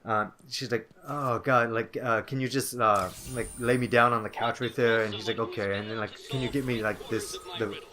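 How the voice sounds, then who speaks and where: A man's voice: mid-range voice, steady tone, moderate pace, hardly any pauses, bright, forceful tone. A young man co-hosting a let's play, rambling casually with lots of filler words and playful asides. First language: English. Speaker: co-host of a gaming let's play. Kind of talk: casual gaming chat.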